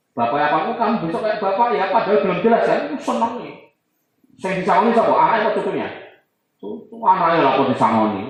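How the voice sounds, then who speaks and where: A man with a Javanese accent giving a casual religious lecture as an Islamic teacher, lively and mixing in Javanese asides. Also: medium pitch. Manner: lively, mixes Javanese asides, imitates voices. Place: large room at a boarding school. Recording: echoey distant hall, dull sound.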